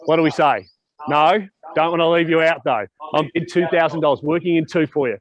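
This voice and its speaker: A man's voice: on the high side, brisk. An Australian man working as an auctioneer, calling out bids in repeated numbers with polite, insistent sales patter. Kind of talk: live auction bid-calling, chanting bids and repeated calls. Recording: live auction with people around. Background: small crowd at a live property auction.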